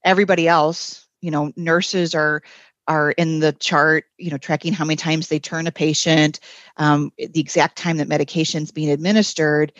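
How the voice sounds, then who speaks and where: A woman's voice: sits low, flat delivery, moderate pace, dry recording, highs cut off. A woman, a guest on a podcast, explaining her points frankly with some fillers. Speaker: health system ethics executive, guest. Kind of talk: conversational interview answer.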